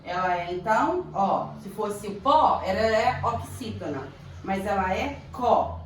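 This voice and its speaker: A Brazilian woman teaches young pupils a grammar lesson. She speaks slowly and deliberately, stretching words out to sound their syllables. Her voice comes from a distance in a very echoey room with faint ambient noise. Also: medium pitch, lively intonation. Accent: Brazilian Portuguese. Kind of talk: primary school grammar lesson.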